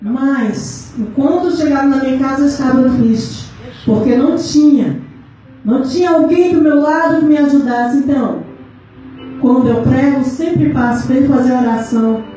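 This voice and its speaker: Woman pastor, middle-aged, high voice, sing-song fervent sermon delivery, booming echo, faint hiss. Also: normal speed, mellow, faint music behind. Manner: fervent, sing-song preaching with frequent hallelujahs. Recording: very echoey room, faint background noise.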